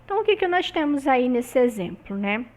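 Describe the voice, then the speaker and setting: Brazilian woman lecturing, fairly high voice. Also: very animated, a little fast, a little mellow. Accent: Brazilian Portuguese. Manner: explanatory, many tag questions. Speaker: university lecturer. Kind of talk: recorded video lecture.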